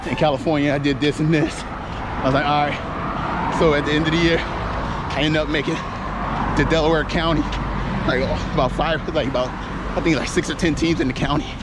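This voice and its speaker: An American man in his forties, a running vlogger, chats casually and a bit ramblingly while jogging outdoors. His voice is on the high side, brisk, with fairly even intonation and a laid-back manner. He films on a handheld action camera, and heavy background noise and music sit behind him.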